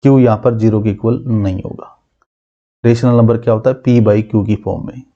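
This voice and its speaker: A male math teacher giving a classroom lesson, asking his students questions and answering them himself, repeating key terms slowly. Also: fairly low pitch, fairly even intonation, warm tone, muffled recording.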